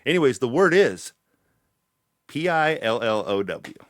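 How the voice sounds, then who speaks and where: A man's voice: mid-range voice, sing-song, measured pace, dry recording, clean studio sound. A man from Central California hosting a podcast, telling rambling stories in casual chat full of swearing. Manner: rambling storytelling, swears a lot. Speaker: podcast host.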